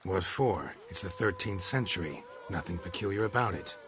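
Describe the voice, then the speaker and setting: A man voicing a gruff, weary male monster hunter who speaks in a dry, terse, deadpan way. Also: low-pitched, normal speed, a little hiss or hum. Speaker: game protagonist.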